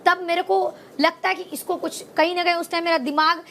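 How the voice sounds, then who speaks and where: Brief: high-voiced woman, emphatic and insistent, recorded over loud hiss. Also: steady tone, brisk. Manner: emphatic, insistent, repeats herself. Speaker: reality show contestant. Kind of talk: heartfelt casual argument.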